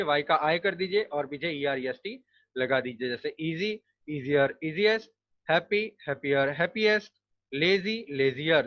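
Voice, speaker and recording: A man's voice: on the high side, dry recording. A man teaching a grammar lesson, explaining step by step and spelling words out letter by letter. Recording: dull, lo-fi dry recording.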